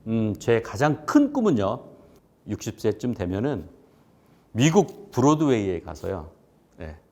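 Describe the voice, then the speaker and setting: Lively low-voiced man in his fifties. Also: measured pace. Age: 50s. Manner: expressive, acts out quoted voices. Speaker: actor and acting teacher. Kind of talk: personal story talk.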